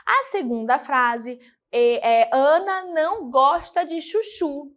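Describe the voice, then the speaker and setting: A woman's voice: high-pitched, animated, slow. A woman from Brazil, a teacher giving a recorded Portuguese lesson, who asks her students questions and answers them herself.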